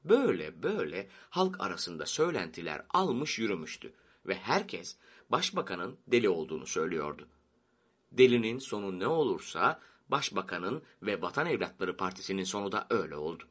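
Male audiobook narrator for a satirical story, low, husky, lively. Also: a little fast.

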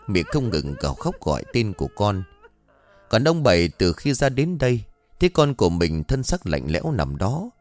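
A man narrating a ghost story in an expressive, dramatic storytelling manner. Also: lowish voice.

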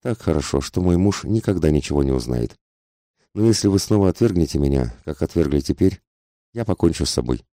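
A man's voice: extremely low pitch, animated, brisk, dark tone, dry recording, studio quality. A man voicing a passionate, desperate society woman who pleads for love in an intense, angry half-whisper.

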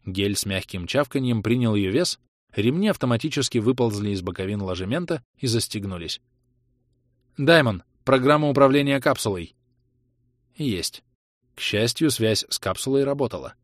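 A man reading an audiobook in an even, measured narration. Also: on the low side, dry recording. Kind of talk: scripted narration. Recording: dry close studio sound.

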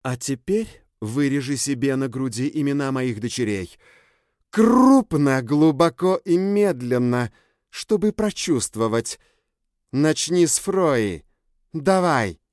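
A man's voice: medium pitch, big pitch swings, normal speed, darkish tone, dry recording, clean studio sound, voice pushed up, close to an everyday voice. A man voicing a vengeful, cruel, commanding woman who gloats and gives orders. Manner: menacing, domineering orders.

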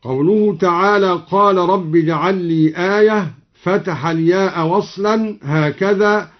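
A man explaining Quran recitation variants in a measured radio lesson, chanting each verse example, from an archival radio recording. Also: high voice, muffled recording. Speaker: Quran recitation teacher introducing the program.

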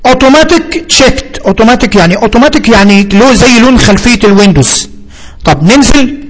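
A man's voice: very high-pitched, lively intonation, fast, rough recording. A man with an Egyptian accent teaching a computer lesson, thinking aloud and repeating himself as he explains each term. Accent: Egyptian Arabic. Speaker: computer instructor. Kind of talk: screen-reader software tutorial.

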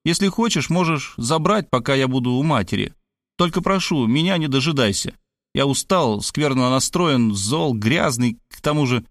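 A man's voice: medium pitch, normal speed, no room sound. Brief: middle-aged man, wry first-person audiobook narration, dry close mic. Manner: wry, self-ironic, lively with voiced quotes.

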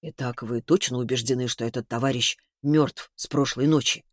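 A man reading an audiobook, voicing a stern ship captain who asks brisk, commanding questions in a low voice. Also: steady tone, dry recording, clean studio sound, lightly acted. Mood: probing. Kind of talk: audiobook character voice.

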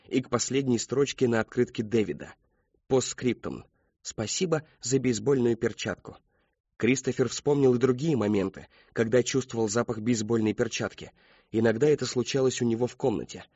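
A man reading a dark novel aloud as an audiobook narrator, with steady dramatic storytelling. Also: mid-range voice, dry recording. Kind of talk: scripted narration. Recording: dull lo-fi dry recording.

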